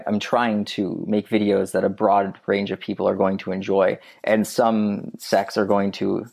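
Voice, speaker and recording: A man's voice: lowish voice, creaky, a little mellow. A man talking as a podcast guest in a casual, rambling way, with many restarts and fillers. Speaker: guest, YouTube creator.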